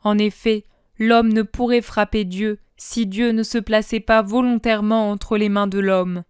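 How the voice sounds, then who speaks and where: A woman voicing Jesus as a calm, merciful man who speaks tenderly and slowly. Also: medium pitch, clean tone, dry recording, clean studio sound, lightly acted. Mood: gentle. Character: gentle merciful male Jesus, calm and forgiving.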